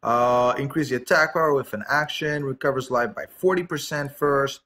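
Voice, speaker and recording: A man's voice: medium pitch, normal speed, bright, forceful tone. A man reading out game skill text and giving casual, offhand commentary on it, with frequent fillers.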